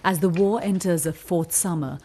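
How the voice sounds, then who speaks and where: A woman war correspondent with a low-pitched voice delivers a frontline news report. Her narration is grave and measured, with some faint noise around it.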